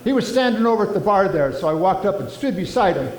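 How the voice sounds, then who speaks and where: A man's voice: high-pitched, big pitch swings, quick pace, a little hiss or hum. A man playing a jovial singing priest. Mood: fond. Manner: chuckling storyteller who breaks into song. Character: jovial joke-telling male parish priest. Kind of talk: stage play in a pub, jokes and song. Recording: echoey room with loud guitar.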